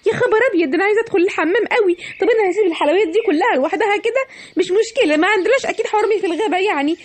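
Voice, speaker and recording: A woman's voice: very high voice, racing. A woman voicing a fussy candy-selling mother. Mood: lively. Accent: Egyptian Arabic. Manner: exclaiming, sing-song street calling.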